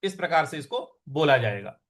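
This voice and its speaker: A man teaching a scripture lesson, reciting verses in a slow chanting tone and then explaining pronunciation and meaning. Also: a little high, very animated, fairly bright tone.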